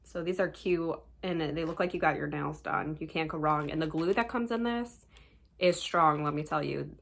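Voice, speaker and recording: A young woman with a low voice and a gravelly fry, reviewing her monthly beauty favorites in a relaxed, chatty way. She keeps recommending things straight to her viewers. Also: moderate pace. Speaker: beauty vlogger. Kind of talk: casual product review.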